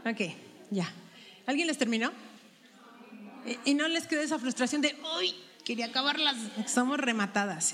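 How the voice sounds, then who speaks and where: A woman guides a Bible study. Her voice sits slightly high, and she keeps tossing questions back to the group. The room around her carries a long, lingering reverb. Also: a bit bright. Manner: asks the group questions and tags them with "¿verdad?".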